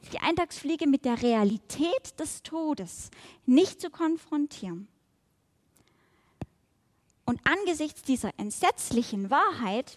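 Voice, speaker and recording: A woman reading a children's story aloud and then reflecting on it in a gentle, measured way, in a large hall. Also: sits high.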